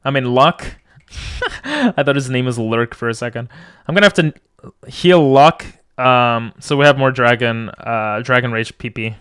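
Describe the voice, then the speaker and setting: A man's voice: medium pitch, expressive, measured pace, pushed and bright, smooth. A man streaming a video game, chatting casually and drifting between asides as he talks to viewers. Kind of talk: casual livestream gaming chat.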